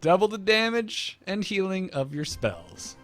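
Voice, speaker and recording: A man's voice: high-pitched, sing-song, unhurried, a bit bright, faint music behind. A man hosting a video game session, giving casual commentary as he plays with a co-host.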